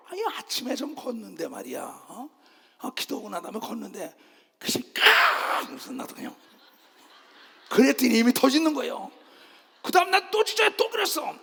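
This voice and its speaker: A man preaching a sermon as pastor, swinging between loud shouting and low murmurs and calling the congregation to clap and raise their hands. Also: creaky, slightly rough, in a large hall.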